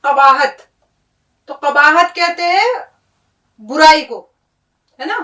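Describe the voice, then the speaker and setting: Female Urdu teacher, high voice, patient and explanatory, recorded a little away from the mic. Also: lively intonation, bright, forceful tone, recorded from a distance, poor audio. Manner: patient, explains each word and often asks "isn't it?". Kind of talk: teaching Urdu pronunciation on a board.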